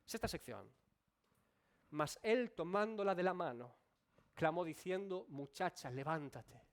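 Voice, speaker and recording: Guy preaching in church, high voice, big swoops up and down, talks right at the crowd. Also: expressive, a little slow. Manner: emphatic preaching with sweeping rises and drops; addresses the congregation directly. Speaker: pastor. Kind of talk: expository sermon.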